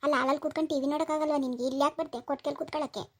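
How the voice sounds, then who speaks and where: Young woman vlogger, high voice, chatty village tour. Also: steady tone, very fast. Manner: chatty, addressing viewers as friends. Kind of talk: comic village vlog.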